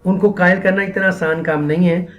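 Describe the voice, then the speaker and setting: A man's voice: sits high, fairly even intonation, fairly bright tone, highs cut off. A man with a Pakistani accent giving an earnest training lecture for Quran teachers, often repeating phrases and mixing in English. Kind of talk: instructional lecture.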